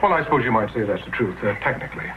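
A man's voice: mid-range voice, lively intonation, very fast, lo-fi sound, lightly acted. An actor playing a mild, unflappable middle-aged father in a 1960s television family sitcom, droll and understated. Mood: wry. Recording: thin, noisy old TV soundtrack.

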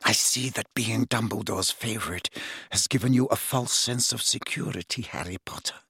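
A man voicing a cold, haughty noblewoman, low and quiet. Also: normal speed, husky, dry recording, studio quality, full character voice. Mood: cold menace. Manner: low, quiet, icy and drawling. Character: cold haughty aristocratic mother, menacing.

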